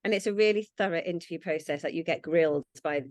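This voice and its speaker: Chatty woman, low dry voice. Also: fast talker, dry recording. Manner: chatty, acts out quoted thoughts. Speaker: brand founder, podcast guest. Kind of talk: casual interview chat.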